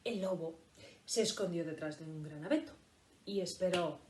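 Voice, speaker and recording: A woman teacher reading a children's story aloud in an expressive, playful way. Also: on the low side, moderate pace, slight background noise. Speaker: primary school teacher.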